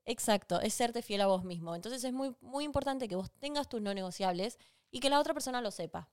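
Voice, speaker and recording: An Argentine woman explains relationship ideas with lively emphasis, slipping into quoted voices to act out examples. Her voice sits somewhat high and sounds smooth and clear, with a dry, close recording. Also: a little fast, no room sound. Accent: Rioplatense Spanish. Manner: animated, emphatic, acts out quoted lines. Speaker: podcast co-host. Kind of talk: casual relationship advice chat.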